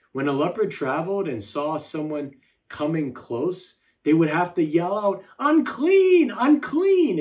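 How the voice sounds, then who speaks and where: A man giving a devotional teaching in a measured, reflective way, slowing down to list words one by one. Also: a little high, darkish tone. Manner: measured, reflective delivery with slow listed words.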